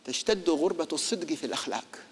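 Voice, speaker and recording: Fast-talking preacher man in a reverberant hall. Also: a little high, animated. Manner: rhetorical questions, acts out imagined dialogues. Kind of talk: religious lecture.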